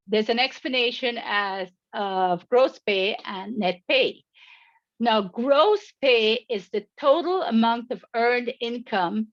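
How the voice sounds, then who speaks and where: A middle-aged woman, an insurance agent, gives a scripted webinar presentation in a measured way, reading prepared remarks. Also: fairly high pitch, no room sound, highs cut off.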